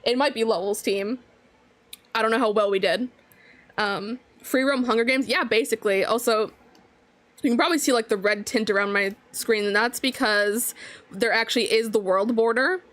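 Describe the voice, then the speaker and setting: A woman's voice: a little high, moderate pace, fairly bright tone. A woman casually explaining a Minecraft challenge as she plays, chatty, with many fillers. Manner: chatty, filler-heavy, laughs between phrases. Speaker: Minecraft server player. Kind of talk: casual gaming commentary.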